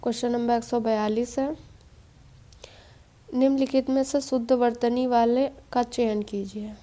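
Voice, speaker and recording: Woman teacher, exam-prep spelling lesson, steady and explanatory, higher pitch, soft warm tone. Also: unhurried. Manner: steady explaining tone, mixes English quiz terms. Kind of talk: spelling quiz walkthrough lesson.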